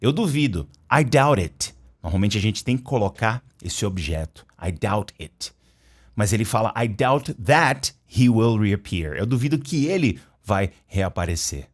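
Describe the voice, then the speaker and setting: Lively Brazilian teacher drilling English phrases. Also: male voice, fairly low pitch, breathy edge. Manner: lively, repeats English phrases slowly to model pronunciation. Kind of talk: English lesson explained in Portuguese.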